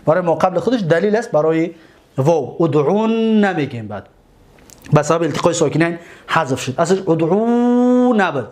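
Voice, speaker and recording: A high-pitched man with a Tajik-accented Persian voice leads a grammar class. He recites each verb form slowly, stretching the words out. He often pauses to ask whether his listeners are following. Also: lively intonation, darkish tone. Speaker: Arabic morphology teacher.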